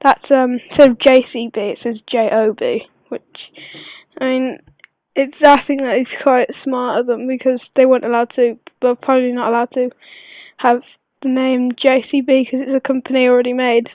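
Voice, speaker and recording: A woman who is unwell gives a casual gameplay tutorial voice-over, speaking quietly but clearly in a hesitant, rambling way. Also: high-pitched, level tone, moderate pace, no echo. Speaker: gaming video maker. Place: voice-over recorded at a computer. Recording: dull lo-fi computer recording, dry.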